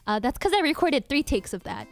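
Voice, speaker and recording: Giggly, scattered woman streamer, pitched a bit high, with soft music behind her. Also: big pitch swings, brisk. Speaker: cover singer and streamer. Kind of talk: casual livestream Q&A.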